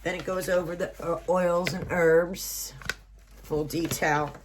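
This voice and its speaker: Recorded in a small room at home against a constant hiss, a subscription box reviewer unboxes casually, reading item lists and prices from a booklet. Her low voice comes slowly and sounds stuffy and nasal with a head cold, and she drops in relaxed asides.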